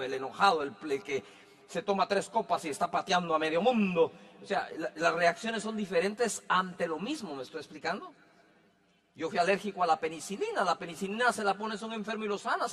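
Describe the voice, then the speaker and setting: A male pastor delivering a sermon in a high, ringing voice with a bright, forceful edge. He keeps it chatty and humorous, stopping again and again to check that his listeners follow along. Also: in a large hall. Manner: conversational, joking, keeps asking if he is understood.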